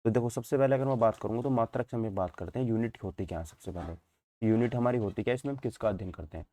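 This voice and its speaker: With a lowish, mellow voice and a fast delivery, a male physics teacher runs an informal online exam-prep lecture in Hindi sprinkled with English terms. He keeps repeating points, poses and answers his own questions, and often checks in with listeners.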